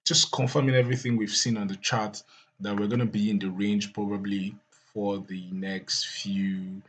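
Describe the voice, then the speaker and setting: Husky low-voiced man analyzing market charts. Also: level tone, moderate pace, a bit bright. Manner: repeats words, many fillers and restarts.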